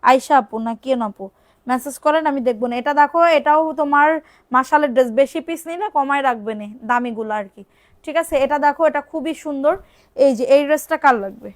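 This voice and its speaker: A woman selling clothes on a live stream, repeating prices and urging viewers to order quickly, and sometimes scolding commenters. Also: sits high. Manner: brisk, repetitive, urging buyers to order fast. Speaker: online clothing seller. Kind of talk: live-stream sales pitch.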